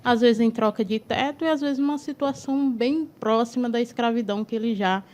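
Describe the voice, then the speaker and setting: A woman from northeastern Brazil, appearing as a guest on a studio talk show, explains history at length in a lecturing manner, frequently ending with "né". Her voice is fairly high and darkish, and she speaks a little fast.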